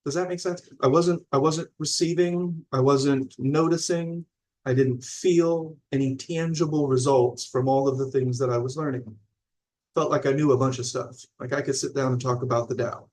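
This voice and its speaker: Reading out viewer comments during a live stream, this Illinois man in his 40s gives a rambling, conversational mindfulness talk and keeps checking in with his audience. His mid-range voice is steady and darkish, moving at a moderate pace.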